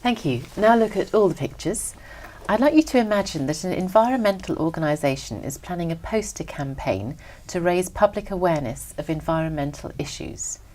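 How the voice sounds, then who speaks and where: A woman serves as an examiner and reads out scripted test instructions. Her voice sits a little low, and her delivery is formal and measured. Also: expressive, darkish tone.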